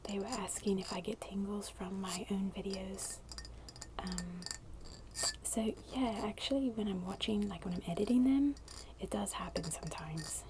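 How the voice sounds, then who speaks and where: A woman making soft-spoken ASMR content whispers in a hushed, breathy, slightly creaky voice of medium pitch at a normal speed. She is an ASMR creator seated indoors at a wooden table, where clicky fingernail tapping and scratching on a glass bottle plays over her close voice.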